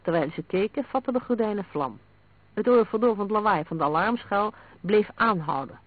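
A man reading a detective story aloud in a steady, measured way. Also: sits high, no room sound. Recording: narrow phone-like sound.

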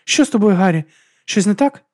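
A man voicing a hurt, furious young woman, in a high, tearful, shouting voice. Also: lively intonation, brisk, dry recording, studio quality. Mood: worried. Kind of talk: audiobook character voice.

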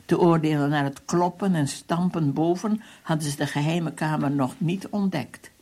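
A reader telling a first-person story for radio in a calm, measured way. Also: mid-range voice. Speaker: reader of a book.

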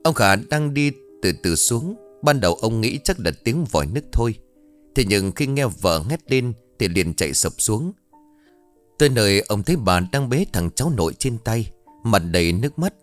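A man narrating an audio story in an expressive scripted reading. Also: fairly low pitch, moderate pace, faint music behind.

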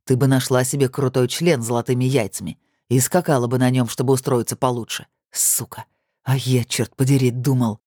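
A woman's voice: rumbling low, fairly even intonation, a little fast, mellow, breathy edge, no echo, clean studio sound. A woman voicing a cold, furious young man who speaks in a curt, contemptuous, barking way, in an audiobook.

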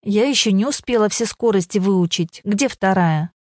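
A woman's voice: mid-range voice, moderate pace, darkish tone, no echo, studio quality, close to an everyday voice. A woman voicing a flustered, defensive woman who panics while learning to drive, in an audiobook.

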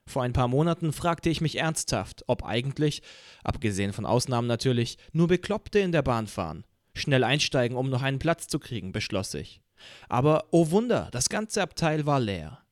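Male reader for a podcast story; expressive and ironic, dry close sound. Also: medium pitch, dry recording. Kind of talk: scripted narration.

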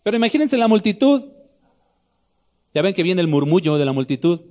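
Pastor, man, somewhat high-pitched, lively sermon delivery full of questions to the flock. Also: fairly quick. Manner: animated preaching, asks the congregation questions, shouts the blind man's cry high.

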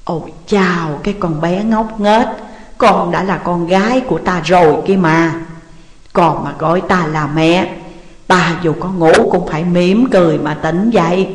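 Soft low older mother, as a woman narrator puts her on, tender and soothing, storybook reading, echoey room. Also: unhurried, natural voice. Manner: soft, lower, comforting delivery. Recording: roomy with long reverb.

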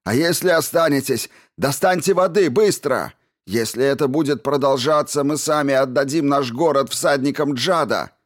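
A man putting on a frantic townsman in an audiobook, shouting himself hoarse at a rioting crowd. The voice climbs high above the reader's deep tone and stays loud and strained. He sounds torn between fury and grief. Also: moderate pace, close to an everyday voice.

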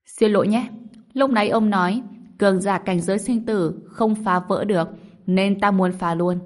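A woman's voice: medium pitch, steady tone, a little fast, natural voice. A woman voicing a cocky, mocking young male martial artist in a spoken storybook. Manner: sarcastic, teasing.

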